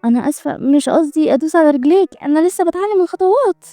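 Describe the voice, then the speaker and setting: Brief: a woman doing a cheeky, defiant young heroine, Egyptian accent, fast and a bit high. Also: expressive, mellow, no echo, faint music behind. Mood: sassy. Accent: Egyptian Arabic. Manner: teasing, defiant.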